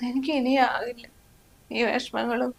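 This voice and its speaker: A young woman playing an ill, gentle wife, speaking softly through tears in a family short film. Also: fairly high pitch, a little slow, gravelly, rough recording. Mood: tearful. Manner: soft, pleading, flat delivery. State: crying.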